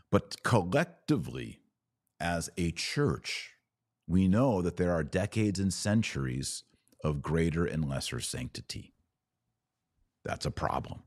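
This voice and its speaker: Here a middle-aged American man offers preachy, emphatic religious commentary podcast-style, though his phrasing stays folksy and chatty. His voice is a very deep, somewhat mellow bass, captured dry and up close.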